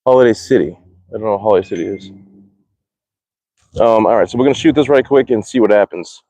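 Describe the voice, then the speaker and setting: A man's voice: on the low side, fast, dark tone, dry recording. A man live-streaming from his backyard archery range, chatting casually, answering viewer comments aloud and muttering curses after bad shots. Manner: rambling, restarts often, answers chat comments aloud. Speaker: archery livestreamer. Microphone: phone live-stream.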